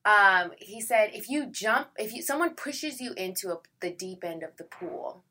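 A woman's voice: mid-range voice, animated, moderate pace, bright, forceful tone. A young adult actress, chatty and full of filler words, who acts out her own past thoughts while telling her story in an interview. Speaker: actress guest. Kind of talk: casual conversational interview.

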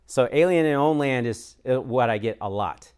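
Clear and resonant, with a mid-range, slightly mellow voice, an American pastor and chaplain talks informally at a church discussion. He often says "uh" and "um" and laughs softly now and then.

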